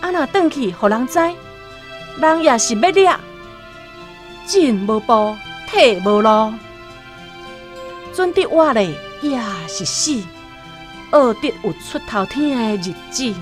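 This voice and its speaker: A female narrator with a Taiwanese accent reads a scripted radio story, slow and deliberate, with dramatic, wide pitch swings. Her manner is expressive, and music plays clearly in the background.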